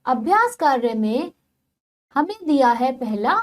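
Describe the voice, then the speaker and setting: A woman giving a slow, patient phonics lesson to young children, spelling words out syllable by syllable. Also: sits high, sing-song. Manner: repeatedly addresses the children. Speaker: teacher.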